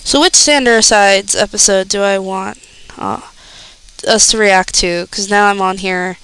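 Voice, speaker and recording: A woman's voice: mid-range voice, measured pace, a bit bright, clear, resonant tone, low-quality recording. A young woman streamer chatting casually and rambling as she thinks aloud while reacting to a video.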